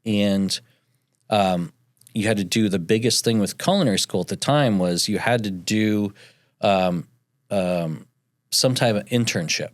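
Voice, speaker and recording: A man's voice: on the low side, a little slow, no room sound, clean studio sound. A man in his forties, a chef, recounting his career in a casual interview, rambling and full of fillers. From North Dakota. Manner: rambling, with frequent fillers and restarts. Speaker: chef and entrepreneur, podcast guest.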